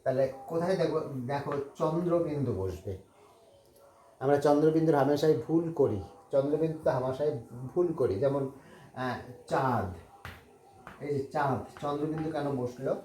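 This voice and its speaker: A man's voice: on the high side, moderate pace, pauses often, mellow. A man teaching a spelling lesson, patiently repeating words and spelling them out letter by letter. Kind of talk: classroom lesson on Bangla spelling. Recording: echoey room with faint background noise.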